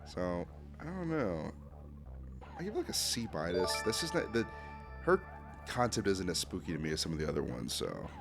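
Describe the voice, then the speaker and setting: A man hosting a casual reaction video, excitable and slangy, often saying "dude" and laughing as he talks. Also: low voice, normal speed, vocal fry, over music. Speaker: YouTube host ranking fan art.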